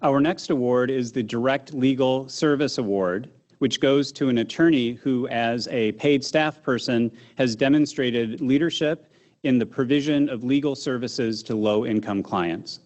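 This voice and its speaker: A man's voice: medium pitch, a little mellow. Man reading formal award citations. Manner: formal, measured. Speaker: awards presenter.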